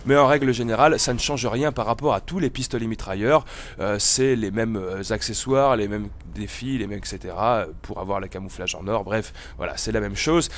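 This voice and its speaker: His voice is fairly low and a little fast as he hosts a gaming video despite having a cold. The gameplay commentary is casual, hesitant, and meandering, with slight noise in the background.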